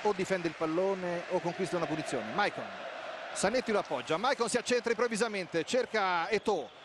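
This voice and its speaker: A high-voiced male football commentator calls the action in urgent, clipped bursts that build toward excited goal calls. His voice rides over very loud stadium noise. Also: brisk. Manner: urgent, clipped phrases, names players as play unfolds. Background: stadium crowd noise.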